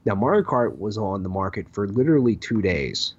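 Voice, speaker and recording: Husky low-voiced man, dull lo-fi sound. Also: lively intonation, brisk, darkish tone. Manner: reads lists with stumbles and laughs. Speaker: podcast co-host. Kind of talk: casual gaming podcast chat.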